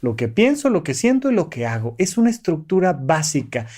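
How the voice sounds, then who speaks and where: A man's voice: a little high, sing-song, fairly quick, a little mellow. A man hosting a podcast, teaching step by step in a coaxing, explanatory way. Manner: didactic, enumerates steps, coaxing tone with listener. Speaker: podcast host. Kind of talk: motivational podcast monologue.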